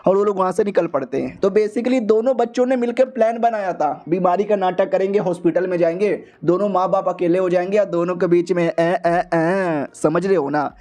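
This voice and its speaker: A man's voice: sits high, moderate pace, hardly any pauses, darkish tone. A man narrating an anime recap in a playful, jokey way, acting out every character. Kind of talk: casual storytelling recap.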